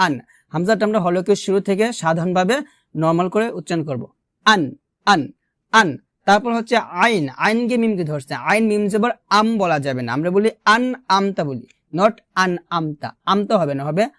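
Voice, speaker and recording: A man teaching how to recite verses, drawing out syllables slowly and repeating each sound for the listener to copy. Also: high voice, dry recording, studio quality. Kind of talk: recitation lesson.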